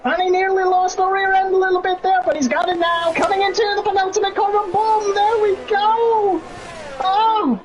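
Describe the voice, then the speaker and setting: A man voicing a loud, brash, bossy American sheriff with a put-on Southern accent, commentating on races in a shouty, folksy way. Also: very high voice, little pitch movement, moderate pace, poor audio. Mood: excited. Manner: shouty, folksy, bombastic drawl. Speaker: guest race commentator. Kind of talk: in-character sim racing commentary.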